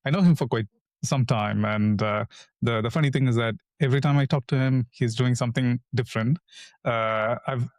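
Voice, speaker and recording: A man's voice: mid-range voice, moderate pace, no echo. A man hosting a podcast, introducing his guest with enthusiasm and often repeating words as he frames questions. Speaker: podcast host. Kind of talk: podcast interview.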